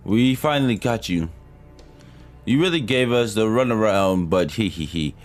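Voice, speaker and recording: A man's voice: lowish voice, expressive, unhurried, faint music behind. A man voicing gloating, sinister captors with sly, leering giggles in a game story.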